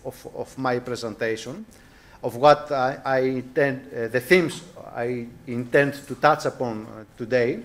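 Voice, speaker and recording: Speaking in a mid-range voice, this guest professor from Greece gives a formal lecture in Greek-accented English. His manner stays polite and deliberate, and he often goes back to restate phrases carefully.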